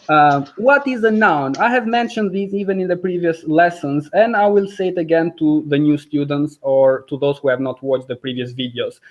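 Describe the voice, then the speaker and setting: A man with an Albanian accent teaching a live online language lesson in a friendly, explanatory way, with frequent fillers, over a video call. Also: high-pitched.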